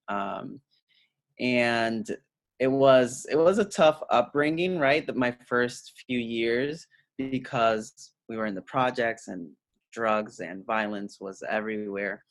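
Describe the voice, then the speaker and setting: A middle-aged man from Puerto Rico, an educator guest talking casually in an interview, pausing often with fillers and restarts. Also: mid-range voice, no room sound. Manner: hesitant, many fillers and restarts.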